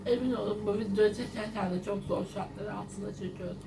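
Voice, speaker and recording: A woman's voice: medium pitch, fairly even intonation, brisk, reverberant. A woman in her thirties chatting earnestly to the camera while chewing and talking. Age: 30s. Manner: earnest, talking straight to the viewers. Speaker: vlogger. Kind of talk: casual mukbang chat to camera. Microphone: old phone. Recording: distant phone mic with noisy background.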